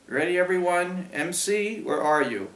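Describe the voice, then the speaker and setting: A man reading an audiobook, voicing a patient schoolteacher who speaks calmly and firmly. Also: mid-range voice, normal speed, gravelly, far from the mic. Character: patient schoolteacher directing a play. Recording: roomy echo.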